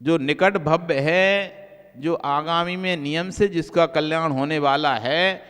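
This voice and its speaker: A male Jain monk giving a sermon, repeating key phrases and moving between soft low asides and raised, emphatic lines. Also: takes it slowly, smooth. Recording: long hall reverb.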